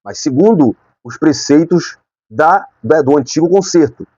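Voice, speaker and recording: A Brazilian man teaching a Sunday school lesson, walking through his points one by one and pausing to check that his class is following. His voice sits a little high and has a mellow, warm tone. The recording is dry and slightly dull. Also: lively intonation, no echo. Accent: Brazilian Portuguese. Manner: explains point by point, often checking with "tá?". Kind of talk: Bible lesson.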